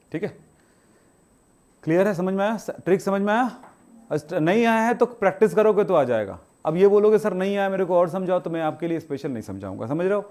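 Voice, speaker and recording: In a classroom lecture, a man teaches chemistry, posing questions to his students and answering them himself while being strict about homework. His voice is mellow and fairly high-pitched.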